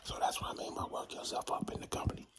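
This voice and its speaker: A man whispering a rambling, slangy, informal ASMR talk while chewing gum, with mouth sounds. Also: fast. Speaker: ASMR creator.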